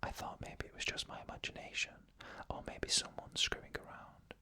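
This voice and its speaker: Slow, measured phrasing marks this ASMR storyteller's reading of creepy first-person stories. The voice is a soft whisper, entirely unvoiced.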